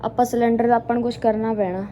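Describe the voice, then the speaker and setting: A woman's voice: fairly high pitch, steady tone, fast, mellow. A young woman with a Punjabi accent chatting casually while cooking for a home vlog. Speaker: family vlogger. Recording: noisy home kitchen recording.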